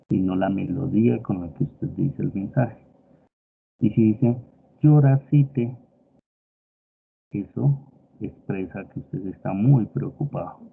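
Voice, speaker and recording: A man's voice: lowish voice, gravelly. A man from Pasto with a Pasto Colombian Spanish accent, giving a lecture and explaining with everyday examples, often checking in with his listeners. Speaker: teacher. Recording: tinny phone-like audio with faint noise.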